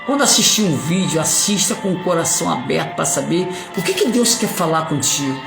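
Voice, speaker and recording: A Carioca-accented man from Rio de Janeiro preaches an emphatic, rambling sermon full of playful asides. His voice is a little high, expressive, brisk and creaky. Music plays behind him in an echoey room.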